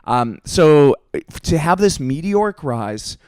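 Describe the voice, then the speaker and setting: A man co-hosting a casual comedic podcast, animated and acting out quotes from people in his stories. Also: a little high, slow, clean tone, no echo, clean studio sound. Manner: animated storyteller, acts out quotes. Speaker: podcast co-host.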